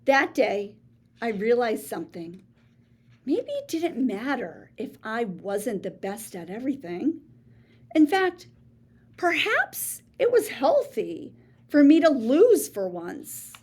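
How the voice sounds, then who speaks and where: A children's book reader tells a story aloud in a lively, sing-song voice that swoops up and down. Her voice is a little high with a breathy edge, and she reads slowly, letting each line land. She adds gasps and hushed asides to her listeners.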